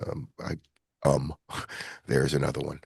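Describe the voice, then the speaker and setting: Deep gravelly guy rambling on a podcast, dry sound. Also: flat delivery, slow, darkish tone, no echo. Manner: rambling, self-deprecating, chuckling. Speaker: podcast host. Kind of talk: casual podcast chat.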